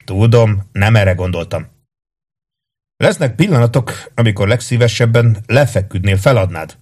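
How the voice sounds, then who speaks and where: Narrator as veteran legionary, low, steady, advising. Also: male voice. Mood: calm. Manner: measured, advising. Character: seasoned male legionary, calm and steady.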